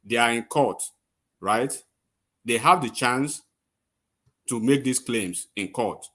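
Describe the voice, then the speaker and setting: A man's voice: mid-range voice, slow, bright, forceful tone. A man on a panel, insistently repeating himself to get a word in. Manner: insistent, repeats phrases to cut in. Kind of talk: heated panel debate.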